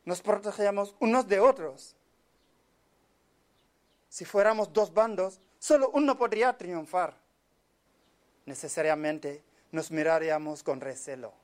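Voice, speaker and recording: A man from Senegal giving an earnest, measured monologue, often speaking quietly. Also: sits high. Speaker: speaker telling of his migrant life. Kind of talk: reflective spoken monologue.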